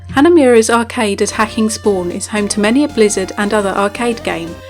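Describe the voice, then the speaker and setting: A woman's voice: mid-range voice, fairly quick. A woman giving a scripted narration for a video game feature. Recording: music behind. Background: background music.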